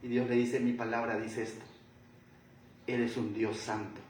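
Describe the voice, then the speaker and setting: A man teaching the Bible verse by verse as a pastor, animated and full of rhetorical questions, stretching out key phrases. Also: mid-range voice, normal speed, slight background noise. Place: church hall. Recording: echoey room, voice from a distance.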